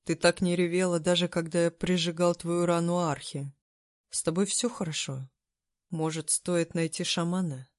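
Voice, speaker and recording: A woman's voice: lowish voice, fairly even intonation, moderate pace, a little mellow, dry recording, studio quality, close to an everyday voice. Woman doing Demir, a weary stoic man. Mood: soft, teasing. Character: weary stoic immortal man, terse and dry.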